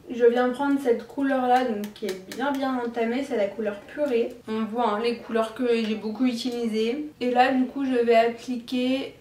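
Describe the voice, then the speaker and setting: A woman's voice: on the high side, a little mellow, recorded from a distance, slight background noise. A young woman chatting through a makeup tutorial in a casual, self-deprecating way, with lots of fillers. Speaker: beauty vlogger. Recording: echoey room, voice a bit off-mic.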